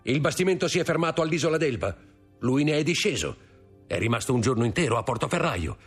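A man's voice: mid-range voice, sing-song, quick pace, husky, faint music behind, pitched above the performer's own voice. A man voicing a scheming, envious male ship's clerk in a raised voice, as in an audiobook. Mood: urgent. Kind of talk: audiobook character voice.

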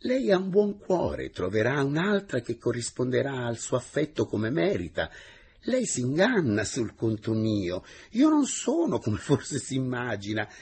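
A man voicing a proud, frank young schoolmistress who speaks in a firm, measured, sincere way. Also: medium pitch, huge pitch swings, darkish tone, a little hiss or hum, pitched above the performer's own voice. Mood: firm refusal.

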